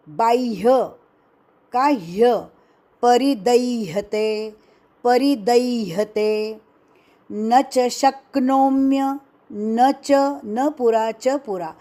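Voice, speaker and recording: A woman's voice: fairly high pitch, very slow, mellow. A woman teaching the pronunciation of a Sanskrit verse, breaking each word into syllables and repeating them one at a time. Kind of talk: slow pronunciation lesson.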